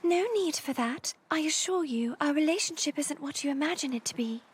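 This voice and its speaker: An actress playing an earnest, reserved young woman, polite, formal and a little hesitant, in animated period drama. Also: high voice, brisk, lightly acted. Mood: flustered.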